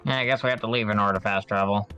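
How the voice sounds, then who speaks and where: A man's voice: lowish voice, fairly even intonation, very fast, pushed and bright, muffled recording, soft background music. A man chatting casually as co-host of a let's play. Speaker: gaming channel co-host.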